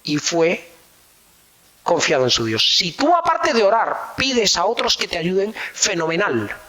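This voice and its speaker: Man, pastor preaching a sermon, lively swooping pitch, bright forceful tone. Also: measured pace. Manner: emphatic, repeats key phrases.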